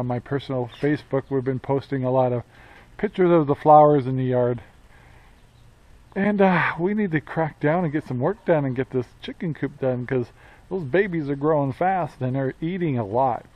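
A homestead vlogger in his sixties chats casually to camera outdoors beside a barn, rambling with plenty of fillers and restarts. His voice is medium-pitched at a moderate pace, captured lo-fi on an action camera held at arm's length with no room sound.

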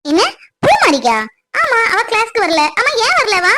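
A woman's voice: very high voice, huge pitch swings, moderate pace, heavy background noise, full character voice. A woman voicing a chatty young college girl. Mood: curious. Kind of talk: cartoon voice acting.

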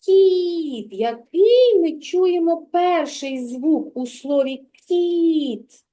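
A high-voiced woman teaches a young child to read in a one-on-one lesson. She speaks slowly and patiently, with a warm, soft tone, and stretches out each sound so the child can hear it. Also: animated. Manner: patient, drawn-out stressing of sounds and words. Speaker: kindergarten teacher.

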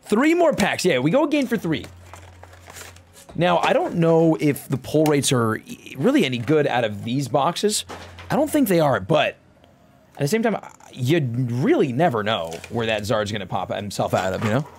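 A young man chatting casually to livestream viewers in slangy, bro-heavy talk, swinging from low asides to loud, excited hype calls. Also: moderate pace, slight background noise. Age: young adult. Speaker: live streamer opening card packs. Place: indoor streaming room at home.

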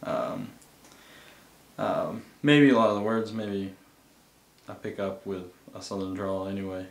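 A man in a documentary interview, speaking in a flat, reflective way. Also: fairly low pitch, unhurried, vocal fry, echoey room.

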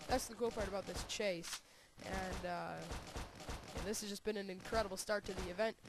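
A man doing play-by-play race commentary with a voice going hoarse, getting excitable and loud when cars crash. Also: sits high, moderate pace. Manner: excitable, voice rises sharply during wrecks. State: losing his voice. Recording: noisy game sound behind. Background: racing game engine noise.

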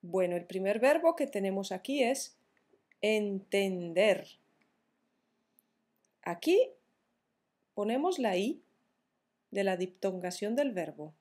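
A woman teaching verb conjugations in a slow, careful tutorial, spelling out each form deliberately. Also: medium pitch, expressive, warm tone. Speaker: Spanish teacher.

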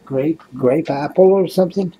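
Sitting close to his webcam in a small room at night, a fifty-something vlogger from Canada rambles casually, sighing, cursing a lot and letting sentences trail away. His voice is slightly high and mellow with a breathy edge, moving at a moderate pace.

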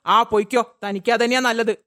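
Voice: medium pitch, steady tone, fast talker, pushed and bright, natural voice. A performer doing a curt, irritable boss. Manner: curt, dismissive.

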